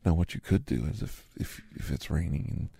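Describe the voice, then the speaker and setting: A man's voice: deep voice, expressive, moderate pace, creaky, mellow, slight background noise, full character voice. A man doing a whispered role-play as a chatty doctor in his fifties who gives a massage, rambling easily in a half-whispered voice. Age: 50s. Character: chatty fifty-something male doctor giving a massage. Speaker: ASMR host.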